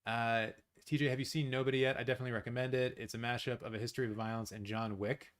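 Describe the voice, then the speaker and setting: Man, from canada, live-stream host, excitable, rambling casual chat, mid pitch. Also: very fast. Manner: chatty, excitable, rambling with fillers and restarts. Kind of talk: casual live watch-along chat, reading viewer comments. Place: his apartment in daylight.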